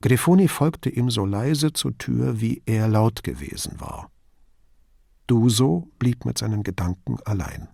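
Male audiobook narrator, measured, lively range, dry close mic. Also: medium pitch, vocal fry, no room sound. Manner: measured storytelling. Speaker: audiobook reader. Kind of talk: scripted narration.

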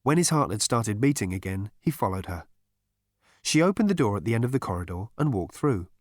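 A man's voice: on the low side, very animated, a little fast, no room sound. Man narrating a story, dry sound. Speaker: audiobook narrator. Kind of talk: scripted narration.

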